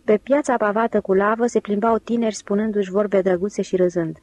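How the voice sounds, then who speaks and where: A woman narrating an audiobook in an even, steady reading voice. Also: medium pitch. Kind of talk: scripted narration.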